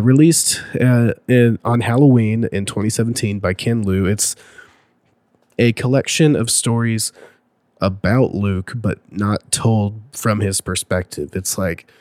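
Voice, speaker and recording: A man co-hosting a casual podcast, hoarse with his voice nearly gone, talking in a hesitant, self-deprecating way. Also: fairly low pitch, a little mellow, no echo. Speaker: podcast co-host.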